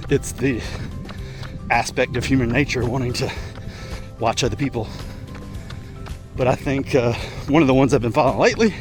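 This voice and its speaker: Middle aged guy chatting casually while out running, choppy phrases, music in the background. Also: mid-range voice. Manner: talking while running, slightly effortful. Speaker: vlogger. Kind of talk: casual rambling vlog chat. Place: outdoors, on the move.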